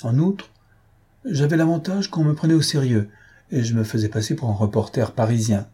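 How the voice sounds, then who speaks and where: Brief: male narrator doing a smart, unflappable young student, soft and polite, warm husky tone. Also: mid-range voice, moderate pace, close to an everyday voice. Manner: soft-spoken, infinitely polite. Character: polite, clever teenage schoolboy posing as reporter. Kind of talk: audiobook character reading.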